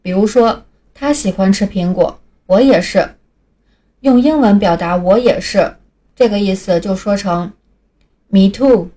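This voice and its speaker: A woman reads a scripted pronunciation lesson in a mellow, warm voice at a middling pitch. She speaks clearly and deliberately and spells words out slowly, letter by letter. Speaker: English pronunciation teacher.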